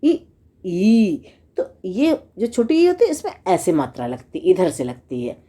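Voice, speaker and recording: A woman's voice: medium pitch, wildly swooping pitch, a little slow, dark tone. A woman teacher with a Hindi accent explaining a lesson to children, asking questions and answering them herself as she sounds out syllables. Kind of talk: slow classroom explanation for children.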